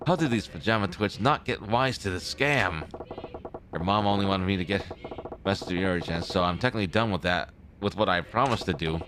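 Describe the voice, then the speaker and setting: A man's voice: low voice, a little fast, background noise, lightly acted. A man voicing a blunt, sardonic male gangster in a video game, with folksy slang. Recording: game music playing underneath.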